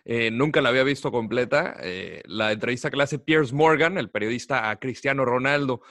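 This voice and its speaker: A man, retelling a story in lively, slangy podcast chat. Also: medium pitch, a little fast, no echo. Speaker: podcast co-host. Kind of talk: casual chat.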